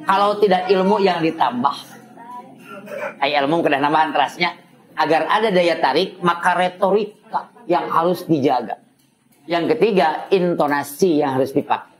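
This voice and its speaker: A man preaching with a Sundanese accent in a casual sermon, swinging his pitch high and low for effect and slipping into dialect. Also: moderate pace, soft background music, low-quality recording. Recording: live talk with ambient noise.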